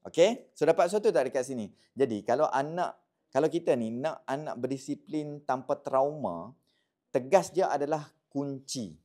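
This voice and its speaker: A man with a Malaysian accent giving casual parenting advice to the camera. He talks in a lively way, mixes in English words and keeps checking in with his listeners. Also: medium pitch, moderate pace. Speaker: parenting content creator.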